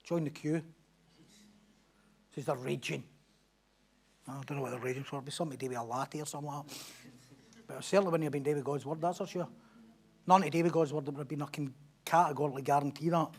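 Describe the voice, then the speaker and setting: A middle-aged man, a pastor delivering a sermon with emphatic, repetitive lines and rhetorical questions. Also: a little high.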